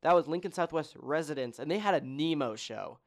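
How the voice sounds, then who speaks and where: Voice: medium pitch, lively intonation, a little fast. Joking podcast host reading out results. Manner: joking, rattles off lists with many ums. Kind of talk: casual podcast chat reading competition results.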